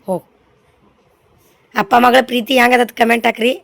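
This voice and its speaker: A woman's voice: a little high, fairly even intonation, moderate pace, vocal fry, fairly bright tone. A mother, hosting a family vlog at home, coaxing and comforting and talking to viewers as friends. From Maharashtra border region.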